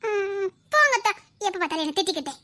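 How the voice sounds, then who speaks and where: A woman voicing a sweet young village girl, talking softly and pleadingly in a family drama. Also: very high-pitched, very animated, fast, full character voice. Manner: soft, pleading and meek. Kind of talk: home-made family drama acting.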